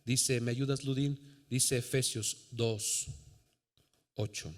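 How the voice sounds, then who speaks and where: A man's voice: mid-range voice, fairly even intonation, slow pace. A man with a Mexican accent, a pastor preaching an emphatic sermon straight to his congregation. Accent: Mexican Spanish. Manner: emphatic, rising fervor, direct address to the congregation. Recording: long church reverb.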